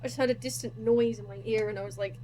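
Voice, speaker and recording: A young woman chats casually through a game at her computer, swearing freely and cooing in baby talk to her cat. Her voice sits fairly high. A faint hum lies behind the desk mic. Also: fairly even intonation, quick pace, warm tone. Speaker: gaming streamer. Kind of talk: casual let's-play commentary.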